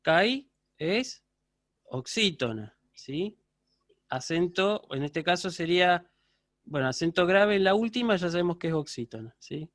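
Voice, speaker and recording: A man's voice: high voice, lively intonation, unhurried, a bit bright, no room sound. A man teaching a university Greek class over a video call, patiently checking in with his students. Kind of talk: online lecture.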